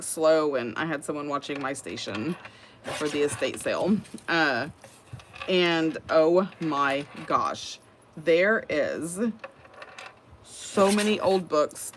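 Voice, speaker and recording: A woman's voice: deep voice, a bit bright, a little hiss or hum. A middle-aged woman with a Southern US accent chats in a folksy way while crafting on a livestream, often laughing at her own stories. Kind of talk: casual chat while crafting.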